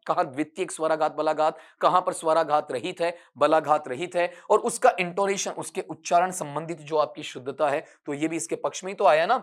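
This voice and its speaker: A man with a slightly high voice giving an online exam-prep lecture. He reads English answer options slowly, then explains them at length in Hindi. Along the way he keeps asking questions of his listeners and answering them himself.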